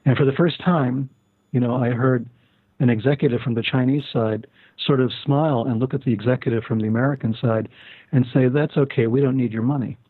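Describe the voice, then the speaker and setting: A man's voice: medium pitch, steady tone, brisk, slightly rough, no echo. An older man talking as a guest, telling stories at length with many fillers and restarts. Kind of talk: casual interview talk. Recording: tinny phone-line sound.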